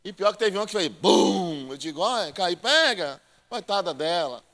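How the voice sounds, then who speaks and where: A male pastor preaching a sermon, joking with the congregation and calling them brother, swinging between loud proclaiming and quiet asides. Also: sits high, lively intonation, normal speed, vocal fry. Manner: addresses listeners as brother.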